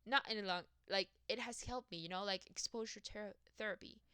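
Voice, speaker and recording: A woman's voice: medium pitch, a little fast, sharp tone, clear, resonant tone, no room sound. A young adult woman in a rambling, profane, self-mocking casual rant about her work. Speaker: vlogger.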